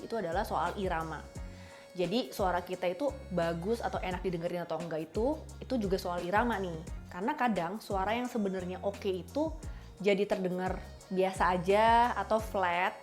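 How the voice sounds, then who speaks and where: Casual podcast co-host, woman, slangy and explanatory. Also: mid-range voice. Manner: explains with demonstrations, relaxed slangy delivery.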